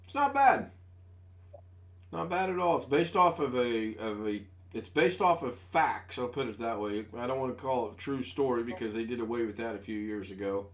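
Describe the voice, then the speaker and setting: Here's a U.S. man in his sixties chatting on a casual home live stream via a desk USB microphone. His voice sits at medium pitch with lively intonation and normal speed, and his talk wanders in a homespun, self-deprecating style.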